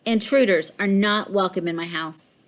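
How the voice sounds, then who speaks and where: Reading a storybook aloud, a woman voices a smug, mischievous pet cat, sounding haughty with a boastful, emphatic delivery. Her voice is natural, at medium pitch and normal speed.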